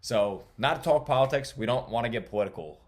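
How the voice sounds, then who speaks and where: A man's voice: mid-range voice, lively intonation, quick pace, a little mellow. A young man co-hosting a casual sports podcast, laid-back and joking, swearing casually. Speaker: podcast co-host.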